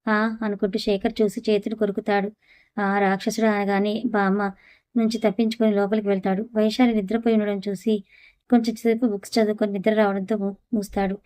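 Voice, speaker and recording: A woman narrating a family audio story, reading every character's lines and the narration in one even voice. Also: medium pitch, a little fast, no room sound.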